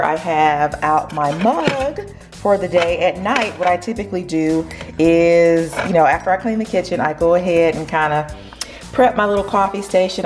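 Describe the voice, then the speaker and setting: A woman vlogging casually from her home kitchen in a groggy early-morning voice, chatting and rambling with fillers. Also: on the low side. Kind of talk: casual chat to camera.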